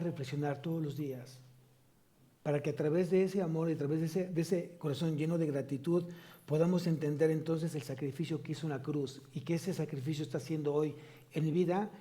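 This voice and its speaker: Mexican pastor guy preaching, high but warm tone, keeps asking the church questions and punching the answers. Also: fairly quick. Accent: Mexican Spanish. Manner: preaching with rhetorical questions, rising to emphatic peaks. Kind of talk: sermon.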